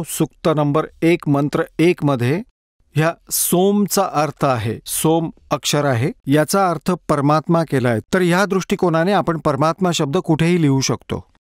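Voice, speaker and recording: A man giving a sermon, reading scripture verse by verse and repeating key words slowly to explain them. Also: fairly high pitch, dry recording, clean studio sound. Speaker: preacher giving a dubbed sermon.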